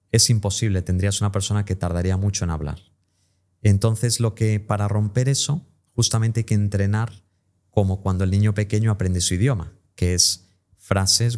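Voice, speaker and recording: A man's voice: low-pitched, darkish tone. A man, an English teacher and interview guest, who explains pronunciation and demonstrates English sounds as he talks.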